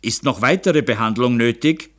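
A man's voice: medium pitch, normal speed, natural voice. A man voicing a proud, impatient aging count who has just gone blind, speaking brusquely and commandingly. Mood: grave. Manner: brusque, commanding, rising to anguish.

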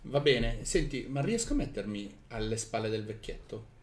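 A man's voice: medium pitch, very animated, normal speed. A man playing a tabletop game, chatting casually and thinking aloud hesitantly. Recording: roomy echo, clear background noise.

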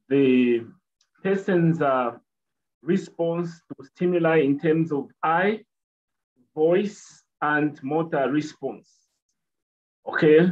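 A middle-aged man lectures on a medical topic over a webcam. He speaks at a measured pace, circling back and filling pauses, in a slightly high voice. The audio is dull and muffled, like a video call. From Zambia. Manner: measured, repeats points, many fillers. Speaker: nurse presenter. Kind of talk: explanatory lecture.

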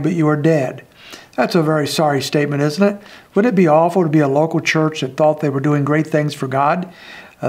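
An older man teaches from scripture as a pastor, his voice sitting a little high. He talks in a measured, conversational way, pausing with fillers as he explains each verse. It was recorded in a small home study. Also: a little mellow. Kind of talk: daily Bible teaching.

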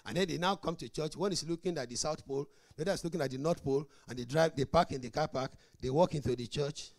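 Speaking quickly in a fairly high voice, a middle-aged man preaches about marriage as a pastor. He brings his stories to life by acting out both sides of each dialogue, and the sound is clean with no echo.

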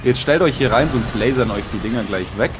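A man from Bavaria talks his teammates through a game. He explains patiently and jumps in with quick callouts. His voice sits mid-range, with clear game music running underneath. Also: medium pitch. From Bavaria, Germany. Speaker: experienced player guiding others. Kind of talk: casual gaming chat.

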